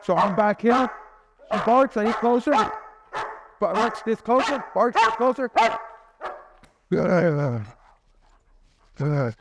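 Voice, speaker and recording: This man's voice is very high-pitched, measured in pace, with frequent pauses against a noisy background. He's a dog trainer in an instructional video showing viewers, step by step, how to get a dog to bark on command, upbeat and checking in with "right?" and "okay?" while praising and giving commands to his dog.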